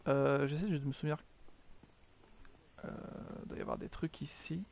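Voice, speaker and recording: A man's voice: a little high, steady tone, moderate pace, creaky, darkish tone, a little hiss or hum. A man giving chatty live commentary while streaming a video game, mocking himself, swearing often and answering his chat.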